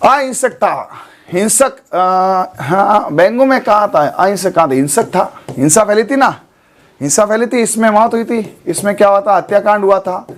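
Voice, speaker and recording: A man teaching an exam-prep class, hoarse from a sore throat, quizzing students and repeating memory tricks. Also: sits high, expressive, moderate pace. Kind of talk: animated online exam lesson.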